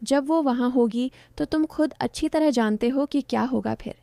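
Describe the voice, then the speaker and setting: A woman's voice: high-pitched, vocal fry, warm tone, dry recording. A woman voicing the playful, teasing young friend of a fiancée in a narrated story.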